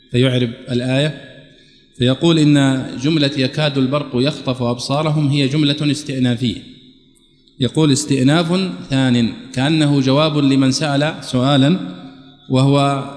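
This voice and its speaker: A man teaching a religious text class, explaining each point in a measured, step-by-step way. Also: mid-range voice. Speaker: sheikh teaching a tafsir class. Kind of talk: classroom commentary lecture. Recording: echoey hall reverb.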